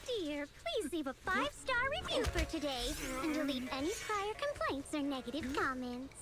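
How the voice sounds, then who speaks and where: A woman's voice: high-pitched, sing-song, moderate pace, very noisy. A woman voicing a sly young female call center operator in a game, with a pointed, condescending, sarcastic customer service voice. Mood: condescending, falsely polite. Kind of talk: video game voice acting.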